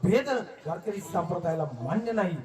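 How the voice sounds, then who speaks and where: A man's voice: sits high, normal speed, darkish tone. A man from Maharashtra preaching a devotional sermon, putting question after question to his listeners. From Maharashtra, India. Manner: preaching with rhetorical questions to the crowd. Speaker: kirtan preacher. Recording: echoey, distant mic with faint music.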